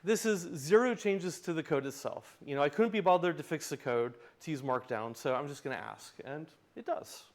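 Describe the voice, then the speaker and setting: A man's voice: on the high side, moderate pace, hardly any pauses. A man presenting a live demo in a tech lightning talk, with wry, self-deprecating humor. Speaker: tech conference speaker, open source project founder.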